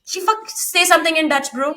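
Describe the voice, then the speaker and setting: A woman's voice: extremely high pitch, a little fast, sharp tone, far from the mic. A hungover young Indian woman hosting a casual podcast, effusive and slangy in her talk. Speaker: podcast host. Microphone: podcast microphone.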